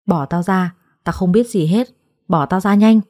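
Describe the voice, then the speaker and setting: Cruel older mother figure, scornful shrill scolding, voiced by a woman, mellow tone, dry sound, storybook reading. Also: a little slow, no echo. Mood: angry. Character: harsh, spiteful older woman, the adoptive mother.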